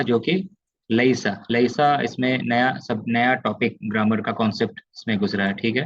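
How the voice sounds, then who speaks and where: In an online lecture, an Indian man walks students through Arabic grammar with patience, frequently making sure they keep up. He speaks in a mid-range voice, and the recording lacks high frequencies.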